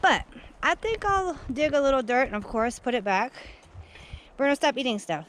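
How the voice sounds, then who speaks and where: A woman, vlogging outdoors into a handheld camera, excitable and chatty as she talks straight to viewers. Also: high voice, moderate pace, a little hiss or hum. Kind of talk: casual outdoor vlog narration. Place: outdoors at a dig site.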